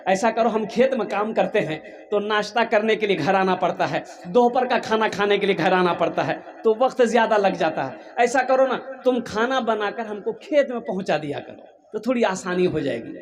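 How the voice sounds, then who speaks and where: A man preaching a sermon in an animated storytelling style, acting out the characters' voices. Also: high voice, normal speed.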